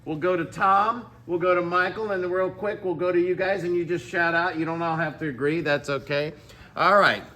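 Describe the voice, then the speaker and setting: A man hosting a casual football picks show, loud and joking as he runs through the games. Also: high-pitched, fairly even intonation, brisk. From Florida. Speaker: podcast host. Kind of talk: casual chat.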